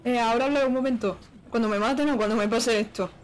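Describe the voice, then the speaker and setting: A woman, giving excitable let's-play commentary on a horror game and chanting repeated words. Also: a little high, fast. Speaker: gaming YouTuber.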